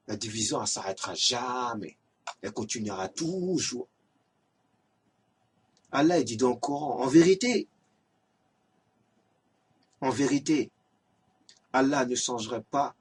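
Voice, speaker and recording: Very husky man preaching from afar. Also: mid-range voice, recorded from a distance. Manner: earnest, exhorting, repetitive. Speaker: lay preacher. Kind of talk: religious reminder talk.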